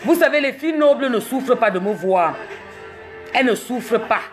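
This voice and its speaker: A woman's voice: on the high side, animated, moderate pace, music in the background. A woman from Cameroon, ranting on a livestream, mocking and scolding with laughs between jabs. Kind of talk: live social media rant.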